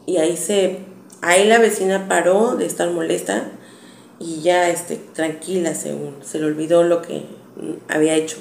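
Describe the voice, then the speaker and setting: A woman's voice: fairly low pitch, fairly even intonation, normal speed, creaky, a little mellow. A woman tells a personal story in an earnest, hesitant, conversational way. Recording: echoey room with faint background noise.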